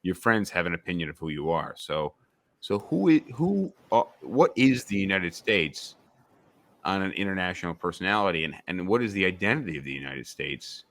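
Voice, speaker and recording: Rambling through a casual podcast discussion with frequent restarts and filler phrases, this young host comes from suburban Albany, New York. His deep voice is sing-song and fairly bright, at a moderate pace.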